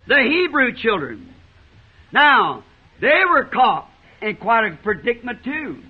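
A man's voice: extremely high pitch, very animated, slow pace, slightly rough. A man preaching a fervent revival sermon. He cries out phrases and repeats lines for emphasis. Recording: dull lo-fi archival sermon recording.

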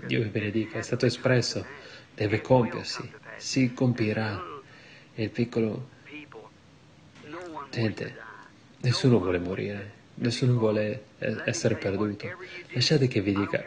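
A man's voice: fairly low pitch, fairly even intonation, normal speed, a crowd in the background. A man preaching a fervent, impassioned sermon to a congregation.

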